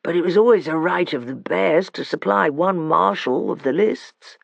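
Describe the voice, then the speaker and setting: A man's voice: high voice, vocal fry, a bit bright, dry recording, pitched above the performer's own voice, full character voice. A man doing a thick, sleepy old bear. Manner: slow and earnest. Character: sleepy old male bear, slow and simple. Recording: dry, muffled audiobook recording.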